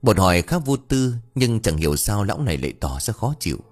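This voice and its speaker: A male storyteller reads a village ghost tale with lively, expressive delivery. His voice sits low and slightly husky, and his pitch moves freely. Faint background music runs throughout. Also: brisk.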